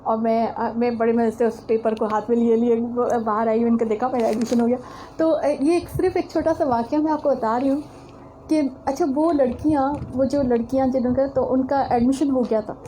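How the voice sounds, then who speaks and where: A woman's voice: a little high, steady tone, warm tone, slight background noise, poor audio. A woman from Pakistan giving a religious lecture as a teacher, telling a personal story in an earnest way and speaking straight to her listeners.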